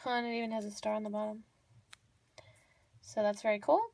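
A woman's voice: mid-range voice, level tone, a little fast, a little mellow. A young woman narrating a casual show-and-tell of miniature toys off camera, gushing and repeating words for emphasis. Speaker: toy unboxing vlogger. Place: indoors at a table. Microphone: off-camera voice over hands-on tabletop close-up.

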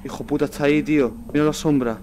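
A man's voice: on the high side, fairly even intonation, fast, music in the background. A man in his thirties with a Castilian Spanish accent, reacting bluntly and with swearing as he commentates live on a VR horror game. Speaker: streamer.

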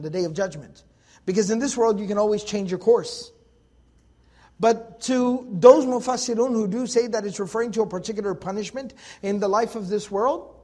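A man's voice: sits high, a little mellow. A man teaching Quran commentary in a lecture, emphatic and conversational, driving his points home with rhetorical questions. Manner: conversational, addresses listeners as folks.

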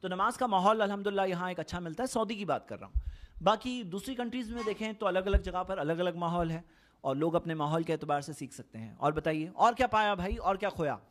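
A man's voice: sits high, fast, a bit bright. A man from India giving an earnest, explanatory religious talk in a conversational way, repeating points for emphasis. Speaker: Islamic speaker. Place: Saudi Arabia.

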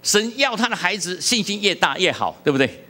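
A middle-aged pastor from Taiwan with a Taiwanese accent, preaching a sermon with humorous stories and questions to the congregation. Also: male voice, high voice, big pitch swings, brisk, pushed and bright.

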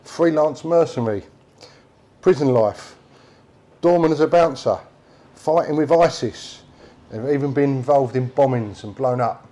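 A man's voice: mid-range voice, measured pace, dark tone. A man in his forties hosting a casual interview, asking easygoing questions and giving short prompts. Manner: easygoing, brief prompts and nods. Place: indoor studio with mural wall. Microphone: lapel.

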